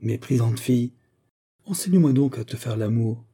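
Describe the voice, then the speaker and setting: A man reading aloud plays a young warrior king with an imperious, booming manner of command. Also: lively intonation, normal speed, dark tone, breathy edge. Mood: wooing.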